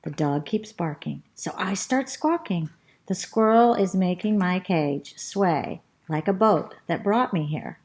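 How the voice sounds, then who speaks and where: A woman's voice: lowish voice, expressive, darkish tone. Woman reading as a chatty classroom parrot. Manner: slow, sing-song rhyming delivery. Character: chatty, fussy pet parrot narrating as a female classroom pet. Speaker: storybook reader. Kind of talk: reading a children's storybook aloud.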